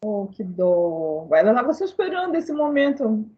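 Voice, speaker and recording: A woman's voice: mid-range voice, big pitch swings, normal speed, lo-fi sound. A woman hosting a casual interview, chatty and asking long, winding questions. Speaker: interview host.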